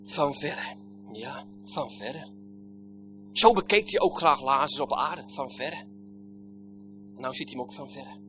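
A man preaching a sermon with old-fashioned biblical phrasing, swinging between loud exclamations and hushed, near-whispered lines. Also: medium pitch, animated, a little slow, long pauses, over music.

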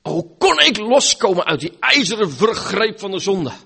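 Husky Dutch preacher, dramatic swings. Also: male voice, sits high, very animated, moderate pace. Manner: dramatic, swinging between loud pleading and hushed near-whispers. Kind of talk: sermon.

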